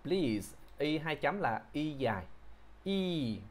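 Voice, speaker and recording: A man teaching English pronunciation, who repeats each word slowly and patiently explains how to shape the mouth. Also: a little high, animated. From Vietnam. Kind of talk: pronunciation lesson.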